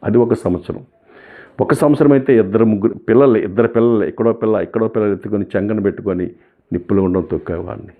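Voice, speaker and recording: A man's voice: on the low side, fast. A man giving an emotional personal testimony, telling his story and acting out the voices of the people in it. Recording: tinny phone-like sound.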